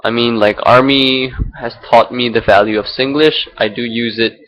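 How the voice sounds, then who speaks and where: This young Singaporean vlogger, a man with a medium-pitched voice, speaks at a moderate pace in a steady, slightly bright tone. He reflects on personal thoughts unscripted, rambling and hesitant with plenty of fillers and restarts. The laptop's built-in mic gives a rough recording.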